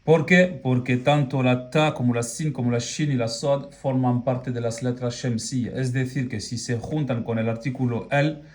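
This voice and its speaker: A man's voice: mid-range voice, fairly even intonation, darkish tone. A man teaching a lesson, explaining patiently and checking in often with the listener. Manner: patient, drawn-out examples with frequent "¿ok?" check-ins. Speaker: Arabic teacher. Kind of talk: slow classroom explanation.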